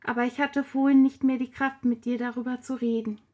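A woman's voice: fairly high pitch, flat delivery, fairly quick, a little mellow, natural voice. A woman voicing a distressed teenage girl who is close to tears, in a storybook reading. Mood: tearful.

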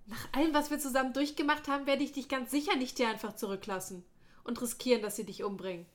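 A woman voicing a hoarse, desperate young swordsman. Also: a little high, brisk, lightly acted. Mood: urgent pleading. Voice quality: hoarse, rough. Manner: urgent, raised voice. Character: young male sword fighter, desperate and loyal. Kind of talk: audiobook dialogue.

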